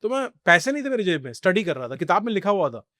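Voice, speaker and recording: This podcast guest, a middle-aged Indian man, spins animated stories in an interview, mixing English phrases into his Hindi. He speaks very fast in a voice that sits high. The audio is dry and studio-clean.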